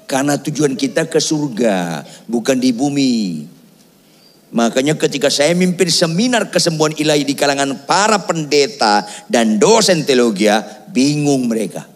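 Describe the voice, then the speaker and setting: A middle-aged male pastor preaching a lively, joking sermon, quizzing the congregation and at times shouting. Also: mid-range voice, moderate pace. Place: large church hall. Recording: long church hall reverb.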